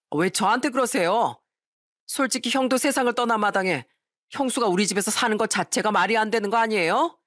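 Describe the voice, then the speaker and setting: A woman's voice: mid-range voice, fairly bright tone, no room sound, clean studio sound. A woman voicing a whining, greedy grown son.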